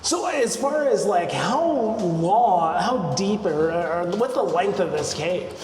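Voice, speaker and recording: Male travel host, high voice, casual and halting questions, recorded amid long cave reverb. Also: animated, a little mellow, slight background noise. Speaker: travel show host interviewing a guide. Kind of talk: casual conversational interviewing. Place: inside a cave, in a boat.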